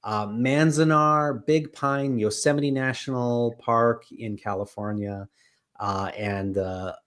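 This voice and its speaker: A man's voice: mid-range voice, steady tone, slow pace, fairly bright tone. A man hosting a casual film podcast, rambling through credits and filming places with many fillers. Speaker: podcast host.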